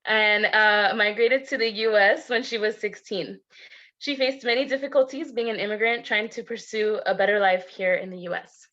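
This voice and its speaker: A woman's voice: medium pitch, moderate pace, fairly bright tone. A young woman giving a class presentation, reading summaries with small asides. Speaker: student presenter. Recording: dull lo-fi audio.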